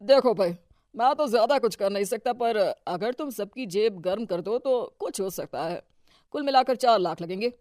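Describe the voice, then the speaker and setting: A man's voice: high voice, lively intonation, normal speed, darkish tone, dry recording, clean studio sound. A man playing a domineering, greedy, boastful husband and local politician in a cartoon story. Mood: sly, wheedling. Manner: bossy, self-important. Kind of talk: Hindi cartoon story dialogue.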